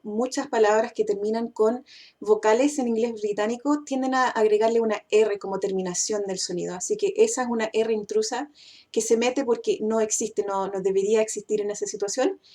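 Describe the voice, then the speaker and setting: Bright-voiced woman teaching pronunciation. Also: a little high. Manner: slows down and stretches English example words; relaxed, with thinking fillers. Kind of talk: casual explanatory lesson.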